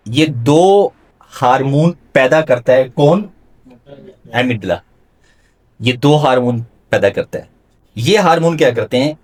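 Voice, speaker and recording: A male religious scholar giving a classroom lecture, putting questions to his listeners and mixing English terms into his explanations. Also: medium pitch. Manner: quizzes the audience with questions and mixes in English terms.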